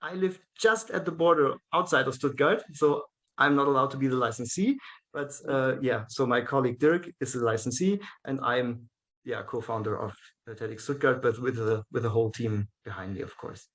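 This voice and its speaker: Over a video call, a German-accented man who organizes events talks in a relaxed interview, using English as his second language. His middle-pitched voice stumbles along with frequent "um"s and restarts, and he laughs often.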